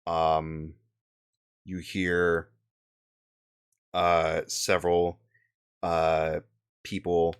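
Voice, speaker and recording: Man, game master, narrating a tabletop game, slow, halting, fillers. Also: sits low, smooth.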